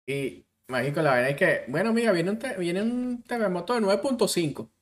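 Relaxed Venezuelan man, casual podcast chat. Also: fairly quick. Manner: relaxed, slangy, drops to low voice in anecdotes. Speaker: podcast co-host.

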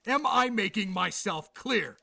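Casting: raspy, exasperated veteran cop boss, old-time beat-cop bark, high and forceful, audio drama. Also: male voice, animated, measured pace, dry recording, exaggerated voice. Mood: furious, exasperated. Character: exasperated, sceptical veteran police boss barking orders. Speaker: police commander.

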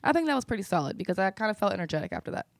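A woman in her twenties co-hosting a podcast, chatty and quick to giggle. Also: mid-range voice, sing-song, no room sound. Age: 20s. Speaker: podcast producer, co-host. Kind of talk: casual chat.

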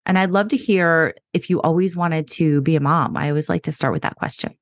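A woman's voice: low-pitched, fairly quick. A woman hosting a podcast, chatty and friendly with her listeners, leading an interview. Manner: chatty and warm toward guest, uses fillers like "you guys". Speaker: podcast host. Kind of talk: podcast interview and sponsor read.

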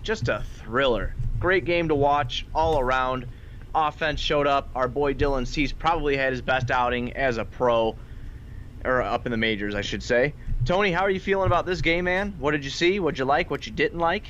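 Male podcast host, informal and slangy game talk, average pitch, slightly dull audio. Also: normal speed, a bit bright. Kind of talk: casual game recap chat. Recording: dull lo-fi sound with faint noise.

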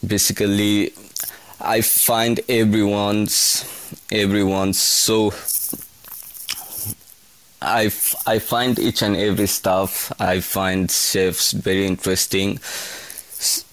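Slow, deep-voiced young man. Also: little pitch movement, a bit bright. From Nepal. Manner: halting, repeats and restarts words. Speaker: kitchen hand, interviewee. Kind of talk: casual interview.

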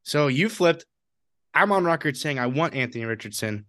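A man's voice: fairly high pitch, expressive, moderate pace, fairly bright tone. Man co-hosting a casual sports podcast. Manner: jokey, talks over his co-host. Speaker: podcast co-host.

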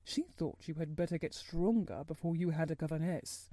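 A woman voicing a weary, fretful middle-aged man who speaks in an absent-minded, halting, worried way in a storybook narration. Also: sits low, mellow, no echo, pitched below the performer's own voice.

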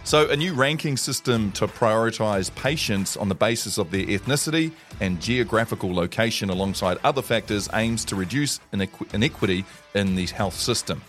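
A man's voice: lowish voice, animated, fairly quick, few pauses, a bit bright, faint music behind. A man with a New Zealand accent presenting conversational news chat as a morning radio co-host.

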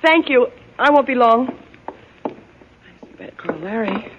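An actress in an old radio show broadcast, playing a scheming, murderous young wife with a breathy, coaxing voice. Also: female voice, fairly high pitch, big pitch swings, a little slow. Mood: flustered. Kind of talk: 1940s radio acting. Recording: muffled old radio recording with hiss.

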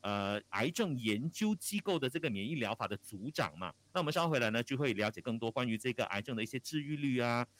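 A man with a Malaysian Chinese accent hosts live radio at a quick clip. His pitch is average and his delivery is casual, with hesitant phrasing and switches between languages. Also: animated, a bit bright. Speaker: radio host. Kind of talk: live radio hosting chat.

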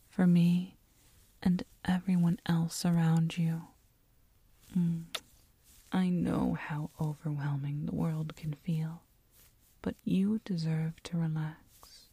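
A woman playing a doting, teasing girlfriend in a whispered role-play, speaking slowly and tenderly, right in the listener's ear. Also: sits low, mellow, breathy edge, no room sound, heavily acted. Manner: slow, tender, coaxing. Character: doting, teasing, nurturing girlfriend soothing her partner. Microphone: very close binaural microphone.

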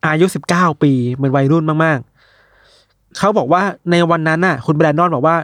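This storyteller of odd news is a man with a slightly high voice and a moderate pace, recorded with no room sound. Chatting casually with friends, he retells strange stories in an animated way, quoting and impersonating the characters.

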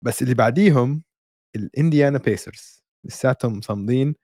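A man's voice: medium pitch, quick pace, darkish tone, no room sound, studio quality. A man with a Levantine Arabic accent hosting a casual basketball podcast, mixing English sports terms into his speech.

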